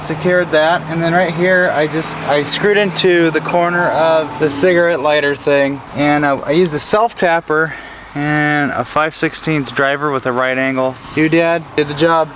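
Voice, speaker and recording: Sitting in his parked pickup's cab with the door open, a young American vlogger talks through a DIY truck install in relaxed slang. His voice is a bit high and steady, at a moderate pace. A camera an arm's length or more away picks him up along with clear road and vehicle noise outside.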